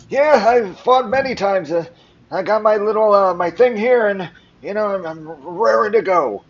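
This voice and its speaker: A man's voice: sits high, unhurried, dull audio, voice pushed up. A man voicing an overly talkative old male cobbler who rambles on and spits as he talks. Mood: eager. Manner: rambling, prattling on. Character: chatty spitting old male cobbler villager.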